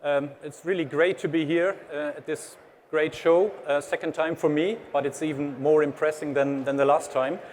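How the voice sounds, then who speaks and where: A man with a German accent presents on stage, pausing often with hesitant fillers as he explains. His voice sits a little high and carries a long hall reverb with faint noise behind it. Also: fairly even intonation, darkish tone. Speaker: trade association head presenting. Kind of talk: conference presentation. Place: large exhibition hall stage.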